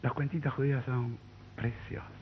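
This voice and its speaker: A man, a comedian telling a chain of jokes in a chatty, animated way on a 1970s TV broadcast. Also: mid-range voice, moderate pace, highs cut off, slight background noise. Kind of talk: stand-up joke telling. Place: TV studio.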